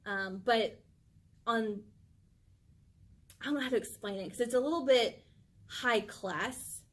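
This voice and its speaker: Her voice on the high side and her pace a little slow, a woman co-hosting a vlog chatters about her pet. She gushes freely and fills her talk with "like."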